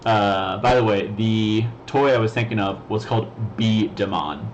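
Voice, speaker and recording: A laid-back man chats casually with a friend, slangy and quick to laugh, his voice sitting a little low. The sound is a bit dull and lo-fi, with a faint hiss behind it. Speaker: co-host. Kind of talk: casual chat.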